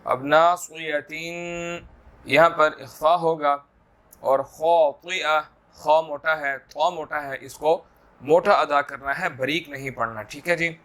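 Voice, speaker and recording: A man teaching a tajweed lesson, chanting verses slowly and then explaining the rules briskly, often checking in with his listeners. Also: a little high, steady tone, fairly bright tone. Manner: checks in with listeners, asking "theek hai ji". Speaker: Quran recitation teacher. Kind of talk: tajweed lesson with slow recitation.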